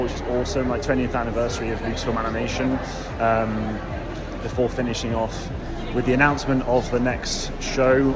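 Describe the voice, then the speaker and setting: An excited man talks to the camera outdoors, rambling through fillers, his voice a little worn. His pitch sits in an ordinary middle range. Loud street and traffic noise runs behind him. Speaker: vlogger. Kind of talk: casual vlog to camera.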